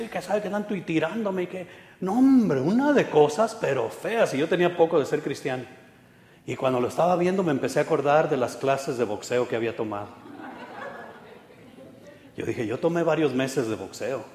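Preacher in an echoey hall. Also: male voice, a little high, a little mellow. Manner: conversational storytelling, humorous asides. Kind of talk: sermon. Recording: echoey hall with long reverb.

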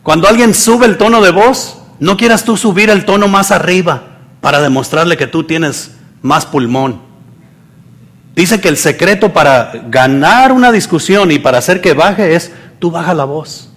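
A man preaching a sermon, swinging between loud emphasis and soft asides and acting out the people he quotes. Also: a little high, animated, moderate pace.

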